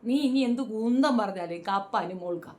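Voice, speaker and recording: A woman's voice: medium pitch, brisk, a little mellow. A woman giving a blunt, sarcastic commentary on a reality show, scolding the contestants in a talking-head vlog.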